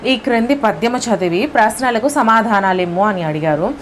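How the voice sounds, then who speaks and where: A woman with a Telugu accent teaching an exam lesson step by step, often checking with "okay?", her voice lower than usual from early morning. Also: animated, moderate pace, slight background noise.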